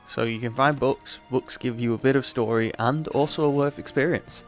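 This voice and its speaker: A man's voice: mid-range voice, fairly even intonation, normal speed, faint music behind. A man giving casual commentary as he plays a video game. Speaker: let's play commentator.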